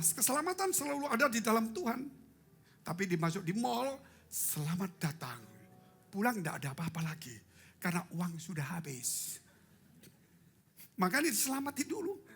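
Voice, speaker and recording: A man's voice: extremely high pitch, sing-song, a little fast, vocal fry, soft background music. Dramatic, joking male church pastor. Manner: dramatic, leaps from loud cries to hushed asides; humorous, asks the congregation questions. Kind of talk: live church sermon. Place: church sanctuary.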